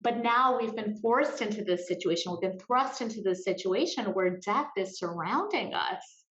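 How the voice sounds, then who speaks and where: A woman speaking earnestly and emotionally as a guest in an interview, with pauses and repeated words. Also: mid-range voice, expressive, a bit bright. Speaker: guest, grief support group founder. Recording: roomy, dull lo-fi sound.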